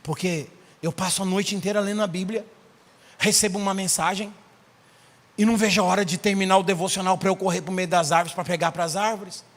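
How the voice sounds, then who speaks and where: High-voiced Brazilian man preaching. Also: a little fast, big-room sound. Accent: Brazilian Portuguese. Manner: animated, acts out dialogue. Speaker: pastor. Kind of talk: storytelling sermon. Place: church.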